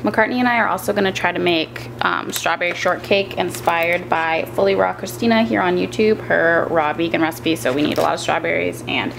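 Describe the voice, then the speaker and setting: A woman's voice: on the low side, brisk, creaky, hardly any pauses, noisy background. Chatty young woman vlogging from a car. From Canada. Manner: chatty, rambling, self-conscious asides. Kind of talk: casual vlog chat. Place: parked car.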